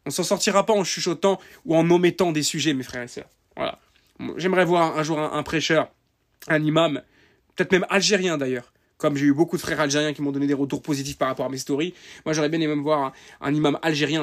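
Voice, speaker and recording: A male preacher in an impassioned religious rant, swinging from loud emphatic outbursts to quiet sarcastic asides and repeating key phrases. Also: fairly high pitch.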